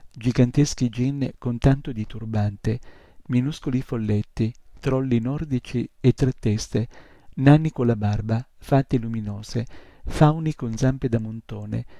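A man reading a children's novel aloud, narrating in a measured, expressive way. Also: medium pitch, dry recording. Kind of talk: audiobook reading.

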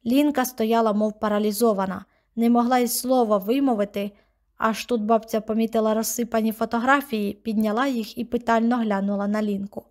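A woman narrating an audiobook with steady, measured reading. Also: fairly high pitch. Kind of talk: scripted narration.

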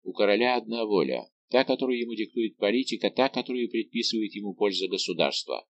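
A man's voice: on the low side, expressive, fast, muffled recording. A man reading an audiobook, voicing a young king torn between love and duty, speaking in an anguished, earnest way.

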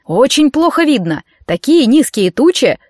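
A woman reading an audiobook, voicing a loud, pompous male martial-arts coach who draws out his commands. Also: high voice, big pitch swings, no echo, clean studio sound, voice pushed up. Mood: lecturing. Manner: bellowing drawn-out commands.

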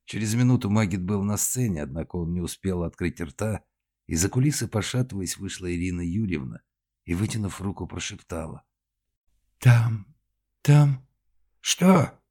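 A man narrating a detective audiobook with a very low, deep voice. His reading is lively and dramatic, pressing forward through the action. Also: brisk. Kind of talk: scripted narration.

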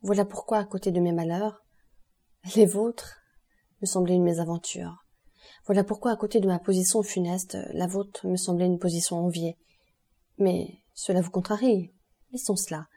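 Woman voicing a somber male prosecutor, calm and formal, low husky tone, storybook reading. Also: moderate pace. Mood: grave calm. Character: grave grieving male royal prosecutor, calm and cool.

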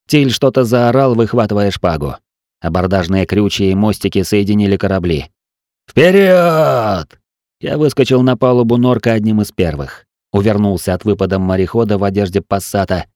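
A man narrating a first-person adventure audiobook in a steady, dramatic storytelling manner. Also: lowish voice, no room sound, clean studio sound.

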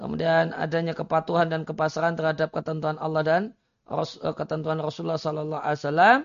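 A man delivers a religious study lecture, reading Arabic phrases and explaining them with many hesitation fillers. His voice sits a little high and has a gravelly edge. The recording is dry and dull, with a lo-fi sound. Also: completely flat delivery, fast talker, no room sound. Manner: reads Arabic text then explains it, with frequent hesitation fillers. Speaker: Islamic religious teacher.

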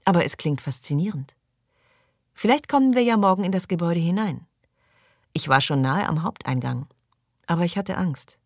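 A woman's voice: fairly low pitch, expressive, moderate pace, long pauses, no room sound, clean studio sound. Woman putting on a coaxing, scheming young woman.

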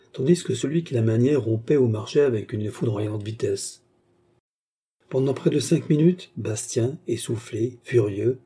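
Man reading an old novel out loud, deep mellow tone, kinda breathy. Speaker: audiobook narrator. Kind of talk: reading a classic novel aloud.

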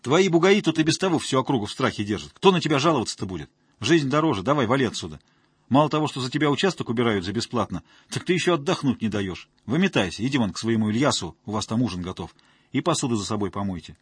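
Man playing a grumpy rude woman janitor, loud and blunt, kinda husky. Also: mid-range voice, animated, fast talker, no echo, clean studio sound. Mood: exasperated. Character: gruff, irritable woman janitor.

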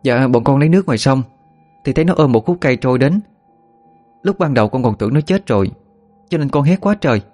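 Guy doing a young village girl yelling for her dad, high and frantic, storybook voice. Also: animated, fast, pauses often, faint music behind, lightly acted. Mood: explaining. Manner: high, shouting, urgent.

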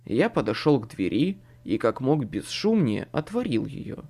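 A man's voice: mid-range voice, big pitch swings, measured pace, darkish tone. A man narrating a noir audiobook in the first person, in a dry, wry manner.

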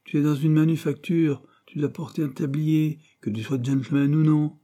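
A man's voice: fairly high pitch, steady tone, moderate pace, dark tone, voice pushed up, natural voice. A man voicing a strict older male Quaker factory manager who scolds severely and with emphasis. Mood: firm rebuke.

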